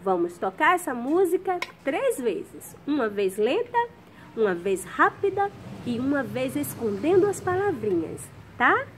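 High-voiced woman teaching kids music. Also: very animated, a little slow. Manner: gentle, patient, explains step by step. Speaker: music teacher for young children. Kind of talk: children's music lesson. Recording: noisy background.

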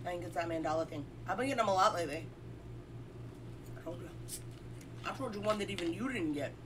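A hoarse woman guest on a home podcast, joking bluntly and chewing candy as she talks. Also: on the low side, expressive, quick pace, background noise. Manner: joking, blunt, chews gummies while talking. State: hoarse, lost voice. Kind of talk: casual chat. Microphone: shared desk mic at home.

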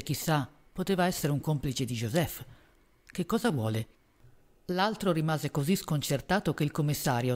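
A man's voice: fairly high pitch, darkish tone. Man narrating a literary audiobook.

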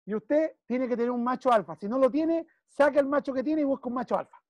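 A man's voice: very high voice, fast, a little mellow, dry recording. A man with a Chilean accent coaching a client one-on-one, emphatic and repeating key phrases while he checks in. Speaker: business consultant.

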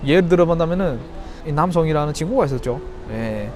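A man's voice: fairly high pitch, animated, fast, darkish tone. A man from Yanbian with a Chinese Korean accent giving an earnest, critical, unscripted opinion commentary as a YouTuber, often posing rhetorical questions. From Yanbian, China. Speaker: YouTuber and football fan commentator.

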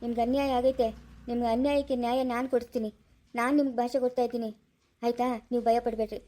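A woman's voice: fairly high pitch, little pitch movement, fast talker, mellow, natural voice. A woman voicing a protective older village man who talks in a firm, reassuring way.

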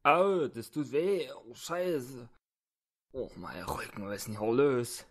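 A man's voice: mid-range voice, expressive, slow pace. A man voicing a frightened, crude male barkeeper who blusters and begs in street slang. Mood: pained. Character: frightened thuggish male barkeeper, half-blind.

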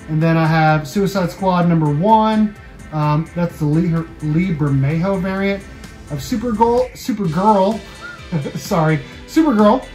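In a small room at home, an American YouTube host in his thirties runs through items for sale in a casual video. His voice is on the high side and a little mellow.

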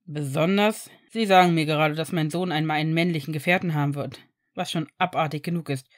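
A woman's voice: low voice, normal speed, voice pushed down. A woman doing a furious thundering werewolf father. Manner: blunt, thundering, contemptuous. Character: angry father, middle-aged werewolf man, harsh.

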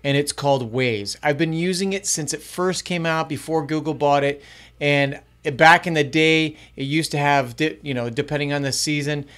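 A man's voice: on the high side, fairly even intonation, moderate pace, fairly bright tone, clear, resonant tone. A middle-aged man hosting a youth ministry channel, talking upbeat and chatty as he walks through a tutorial in a small home studio on a close mic. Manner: upbeat, chatty, varying pace. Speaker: youth ministry podcast host. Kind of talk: casual tutorial vlog. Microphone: close studio mic in front.

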